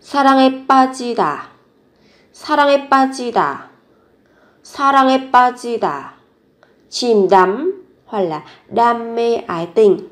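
Woman teaching vocabulary, slow careful drills. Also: on the high side. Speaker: Korean language teacher. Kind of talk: vocabulary lesson, repeating words three times.

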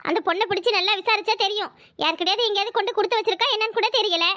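A haughty, high-voiced cartoon matriarch, as a woman voices her, curt and superior. She talks fast and looks down on the poorer family. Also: pushed and bright. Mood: accusing. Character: proud, wealthy mother of the groom.

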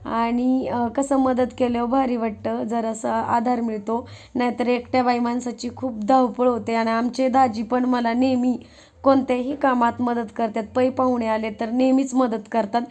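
A woman's voice: fairly high pitch, flat delivery, moderate pace, darkish tone. Chatty woman vlogger. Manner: chatty, homely, talks straight to viewers. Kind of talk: casual vlog narration.

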